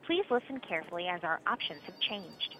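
A woman's voice on a recorded automated phone menu message, reading polite scripted prompts in an even announcer manner. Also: on the low side, fairly quick, slight background noise, poor audio.

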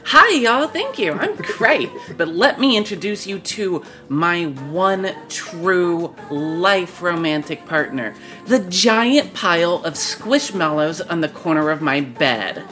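A bubbly podcast guest chatting casually and laughing, with faint music behind. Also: female voice, fairly low pitch, big pitch swings, slow pace, bright, forceful tone.

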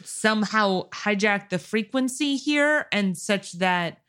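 A woman playing a tabletop game, excitable and quick to laugh. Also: medium pitch, smooth. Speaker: player. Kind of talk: casual chat.

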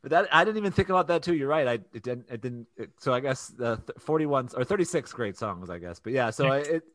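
A podcast host talking casually, his voice bright and edgy. He circles his points with stops and restarts, recorded dry with no room sound. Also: mid-range voice, animated, fast, no room sound. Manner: rambling with many restarts.

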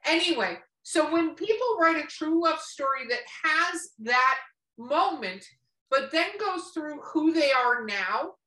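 A woman of around fifty co-hosts a podcast, chatting casually about books in a high, bright, forceful, expressive voice. She takes it slowly, rambles, offers strong opinions and swears freely. The recording sounds roomy and echoing.

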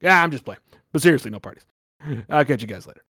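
A man's voice: medium pitch, lively intonation, fast, sharp tone, husky, dry recording, studio quality. A man voicing a playful middle-aged father in a cheesy Dracula costume, laying down the rules in a mock-stern way. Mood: joking.

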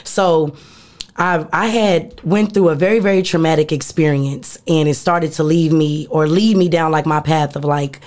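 A woman's voice: low voice, normal speed, darkish tone. A woman in her thirties, a rapper, talking candidly and emphatically in a casual interview, often adding "you know what I'm saying". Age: 30s. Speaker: rapper and singer, interview guest.

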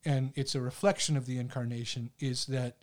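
A man's voice: mid-range voice, steady tone, brisk. A man talking through an idea in casual, reflective conversation, hosting a discussion.

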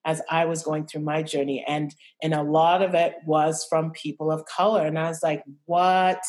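Reflective woman, lowish voice, halting speech. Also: little pitch movement, darkish tone. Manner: reflective, halting, many restarts. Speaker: podcast guest. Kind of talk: candid personal interview.

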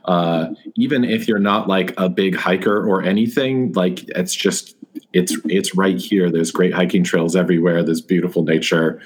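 A man's voice: sits low, fairly even intonation, moderate pace, breathy edge. A man in his thirties or forties chatting informally as an interview guest, thinking aloud as he goes. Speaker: guest, board game designer and artist. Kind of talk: casual interview chat.

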